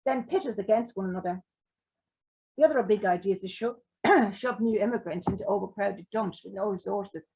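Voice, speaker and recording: A woman reads a blunt, working-class man who swears freely, using her own husky, gravelly voice at medium pitch with a warm tone. She talks briskly in a gruff, blunt mood with rough, sweary language. It sounds like a dull, lo-fi live recording.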